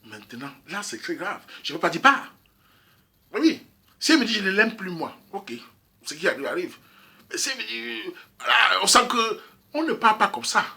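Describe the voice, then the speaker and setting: A man from Cameroon delivers a casual opinion monologue, emphatic and repetitive, turning to address his listeners directly. His voice is bright and a little husky, sitting somewhat high for a man, and the words come quickly. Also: sing-song. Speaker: YouTube commentator. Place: Europe.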